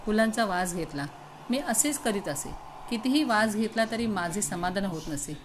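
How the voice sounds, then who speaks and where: A woman narrating a first-person novel aloud in a measured, reflective voice with small restarts. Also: medium pitch, lively intonation, background noise. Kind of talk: audiobook reading of a novel.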